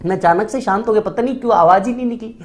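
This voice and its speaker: A man's voice: sits high, very fast. A man telling a humorous personal story as a motivational speaker, chatty and self-mocking, with frequent asides to his listeners. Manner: self-mocking, animated delivery.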